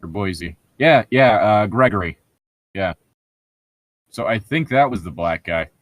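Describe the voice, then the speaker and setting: Reading a book aloud and picking it apart, a male podcast co-host swears freely and rambles, filling his explanations with "like." His voice is lowish and animated, a little slow, captured in a dry recording.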